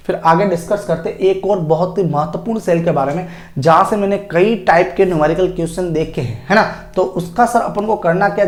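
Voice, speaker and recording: A male chemistry teacher lecturing at a whiteboard, posing rhetorical questions to the class and answering them himself. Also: sits high. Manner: asks himself rhetorical questions and answers them, calls students "sir" and "child". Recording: echoey room.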